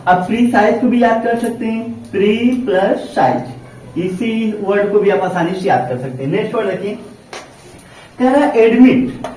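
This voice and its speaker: Man teaching a class, high voice, asks and answers his own questions, very echoey room, far from the mic. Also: expressive, brisk, darkish tone, slight background noise. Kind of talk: classroom vocabulary lesson.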